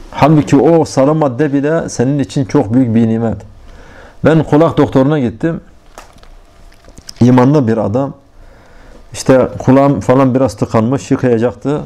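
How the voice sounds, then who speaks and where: Bir erkek vaiz, rahat bir sohbet havasında din dersi veriyor. Sesi yumuşak ve koyu tonlu, perdesi orta. Örnekleri sorularla açıyor, Arapça ibareleri okuyup açıklıyor. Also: male voice, mid-range voice, warm tone. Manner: conversational, explains with everyday examples and rhetorical questions; recites Arabic phrases between Turkish explanation. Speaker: religious teacher. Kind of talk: informal religious lesson.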